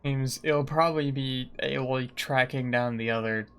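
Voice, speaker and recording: A man's voice: medium pitch, steady tone, moderate pace, fairly bright tone, smooth. A man giving casual, joking commentary while playing a video game. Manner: joking, wry asides. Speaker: gamer streaming a playthrough.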